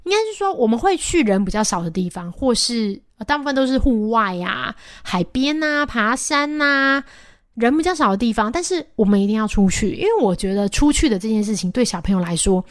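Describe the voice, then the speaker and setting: A woman's voice: on the high side, expressive, fairly quick, dry recording, studio quality. Chatty young mother. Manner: chatty, many fillers and soft asides. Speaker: podcast host. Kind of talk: casual storytelling monologue.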